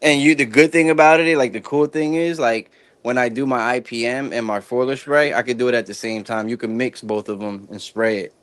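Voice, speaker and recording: A man guest chatting casually, explaining things in a relaxed, plain way with fillers. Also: mid-range voice, a little fast, smooth, no room sound. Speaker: guest grower. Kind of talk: casual chat.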